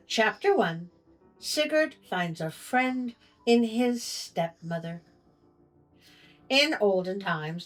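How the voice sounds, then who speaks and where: A woman storyteller with a medium-pitched voice reads a tale aloud theatrically and tongue-in-cheek, like a show host, adding comic asides to the storybook reading. The recording is rough.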